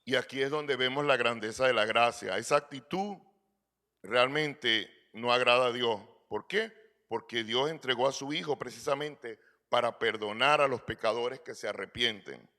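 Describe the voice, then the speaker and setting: A man's voice: mid-range voice, moderate pace, bright, forceful tone. A middle-aged man preaching a sermon in earnest, asking rhetorical questions and calling his listeners brother. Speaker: pastor.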